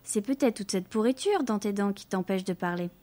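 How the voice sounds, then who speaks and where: A woman voicing a bossy young French girl who bosses her brother and stumbles through halting English. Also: medium pitch, dark tone, close to an everyday voice. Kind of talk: audiobook character voice.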